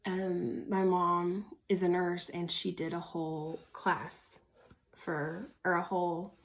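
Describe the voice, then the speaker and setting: A vlogger from Oklahoma in her early thirties, with an American accent, tells a personal story in a casual, candid, chatty way. Her voice sits fairly low, and she speaks slowly with a flat delivery.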